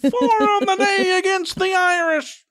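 A man voicing an excitable radio football play-by-play announcer, calling each yard in a breathless, rising call. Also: extremely high pitch, measured pace, voice pushed up. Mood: excited.

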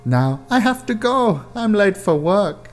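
A man voicing a sweet, syrupy young woman who coos her lines slowly. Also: mid-range voice, sing-song, a little mellow, faint music behind, pitched above the performer's own voice. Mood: sugary.

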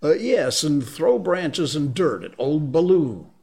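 A man voicing an excited young boy raised in the jungle, pleading and rushing his words together, in a storybook reading. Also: on the high side, vocal fry, pitched above the performer's own voice, exaggerated voice. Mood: hurt. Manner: pleading, excited, breathless run-on talk.

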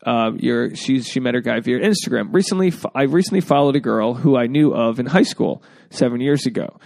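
Gravelly man hosting a casual podcast. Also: mid-range voice, fairly quick, darkish tone. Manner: rambling, jokey asides. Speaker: podcast host. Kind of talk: casual advice podcast talk. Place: indoors at home.

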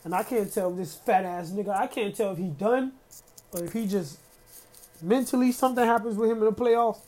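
A man's voice: high voice, a little fast, a little mellow. A man hosting a casual solo podcast, ranting in a heated, profane way with lots of slang and fillers. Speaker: podcast host.

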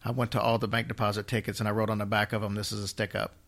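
Talking very fast in a low-leaning, level voice with a fairly bright tone, a man hosts a laid-back storytelling podcast. He's wry and full of jokes, though his half-numb mouth gives him a slight slur and the odd whistle or lip smack.

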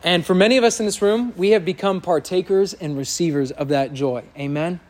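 Here a pastor addresses his congregation in the sanctuary, his sermon earnest and forceful. The voice is high, loud, and fairly quick, swelling into impassioned peaks.

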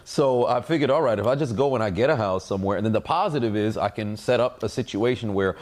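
Male podcast co-host, fairly low voice, chatting casually and conversationally. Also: fast, a little mellow. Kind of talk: casual chat.

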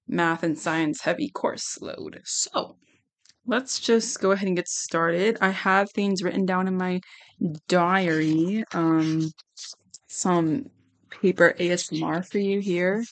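A young adult woman hosting a casual solo podcast, giggly and rambling, with a slightly hoarse, worn-out voice. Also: on the low side, fairly even intonation, slow. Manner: giggly, rambling, self-deprecating. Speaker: podcast host.

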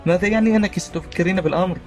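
A man's voice: fairly high pitch, steady tone, fast talker, darkish tone, soft background music, close to an everyday voice. A man reading a story aloud while voicing an insistent young woman who asks questions. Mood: prying. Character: curious, pushy young woman, a classmate.

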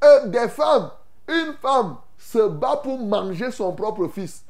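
A man preaching a sermon, retelling Bible scenes in an animated way with folksy asides to the congregation. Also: very high voice, takes it slowly, vocal fry. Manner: animated, acts out Bible scenes with loud outbursts.

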